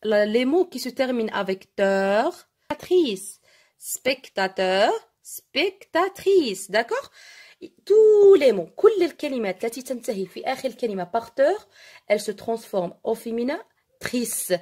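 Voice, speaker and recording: Lady teaching french, fairly high voice, goes over words slow and keeps asking "d'accord?". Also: animated, a little mellow. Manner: switches between French and Arabic, repeats words slowly and asks "d'accord?". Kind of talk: classroom-style French grammar lesson.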